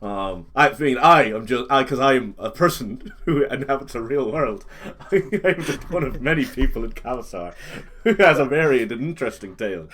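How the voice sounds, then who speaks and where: Man, mid-pitched, casual game master, joking, improvised narration, acts out characters. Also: animated, moderate pace, a bit bright. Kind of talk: casual tabletop role-play narration.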